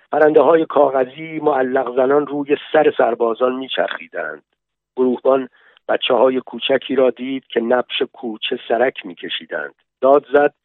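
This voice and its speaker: A man narrating a literary story in a measured, slow storytelling manner, heard over a tinny radio broadcast. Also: mid-range voice, no room sound.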